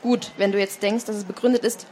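A woman voicing a calm, teasing male king at a live reading of a novel, close to her own voice. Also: mid-range voice, quick pace, slight background noise, lightly acted. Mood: resigned. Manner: dry and teasing.

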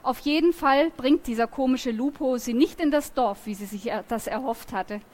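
A woman reads a novel aloud, her slightly high voice lively and expressive. She tells the first-person story with steady, engaged storytelling. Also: moderate pace. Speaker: reader.

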